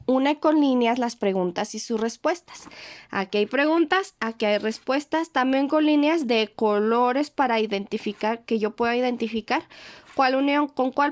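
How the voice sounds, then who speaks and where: A woman with a Mexican accent, a teacher patiently walking pupils through a homework sheet, slowing down on key words and checking in often. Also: on the high side. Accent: Mexican Spanish. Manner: slows down to stress key words.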